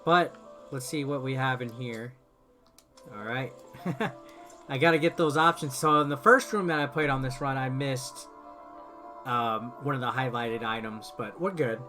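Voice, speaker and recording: This streamer's medium-pitched voice sounds bright and forceful yet never rushed as he banters playfully about his gameplay. He occasionally reads on-screen text, and game music runs underneath.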